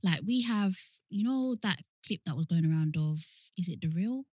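A woman's voice: fairly low pitch, lively intonation, normal speed, no echo, studio quality. A woman with a London British accent who pronounces her r's as w's, co-hosting a casual, opinionated podcast chat. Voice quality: says w for r, soft r sounds. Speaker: podcast co-host.

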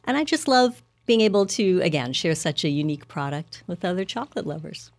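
A woman talking about chocolate in an enthusiastic, effusive way, laughing often and leaping up in pitch when excited. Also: brisk. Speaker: chocolate wholesaler and marketer, guest. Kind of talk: enthusiastic casual chat.

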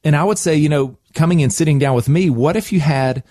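A man's voice: fairly high pitch, fast, dark tone, no echo. Male retirement advisor, dry close sound. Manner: emphatic, coaxing, often checks in with "okay" and "right". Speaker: financial advisor, retirement coach. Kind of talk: conversational advice podcast.

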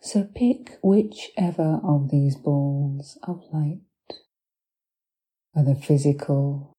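A woman guiding a hypnosis relaxation in a soft, breathy, soothing voice that drifts into whispers, with deliberate pauses between short phrases. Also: deep voice, fairly even intonation, low-quality recording. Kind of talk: guided hypnosis meditation, soft and partly whispered.

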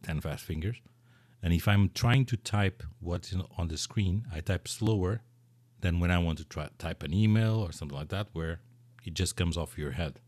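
Deep-voiced podcast host, Portuguese native. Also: male voice, moderate pace, a little mellow, no room sound. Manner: rambling, full of repeats and fillers. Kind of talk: casual chat.

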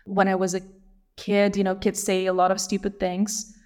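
A woman's voice: medium pitch, monotone, normal speed, darkish tone, clear, resonant tone. A woman in her thirties from Lithuania, a guest on an interview show, talking thoughtfully about her path into her work. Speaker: guest, operations leader. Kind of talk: casual interview.

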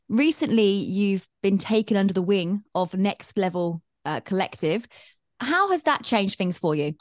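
A woman's voice: fairly low pitch, a little mellow, no room sound, clean studio sound. A woman hosting an interview, asking questions in an upbeat, friendly way.

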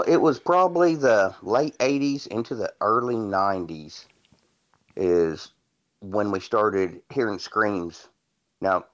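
Deep-voiced man with dull lo-fi audio. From Indiana, USA. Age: 40s. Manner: rambling, with fillers and restarts. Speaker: podcast guest. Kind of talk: casual storytelling.

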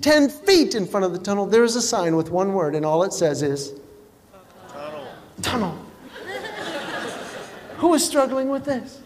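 High-voiced male stand-up comedian. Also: moderate pace, long pauses, over a noisy crowd. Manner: animated storytelling with sudden shouts. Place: live stage venue. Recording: live hall reverb with audience noise.

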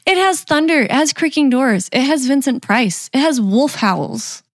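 A woman's voice: high voice, animated, moderate pace, no room sound, studio quality. A woman co-hosting a music podcast, chatting enthusiastically about songs. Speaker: podcast co-host. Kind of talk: casual chat.

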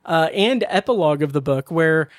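Chatty, higher-voiced male podcaster. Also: expressive, normal speed, no room sound, clean studio sound. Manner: chatty, swears casually, lots of fillers. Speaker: podcast co-host. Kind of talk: casual chat.

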